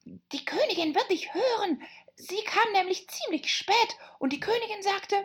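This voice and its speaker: A woman's voice: sits high, sing-song, very slow, gravelly, breathy edge, pitched above the performer's own voice, full character voice. Woman doing a timid whispering rabbit. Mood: anxious. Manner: stammering, hushed and fearful.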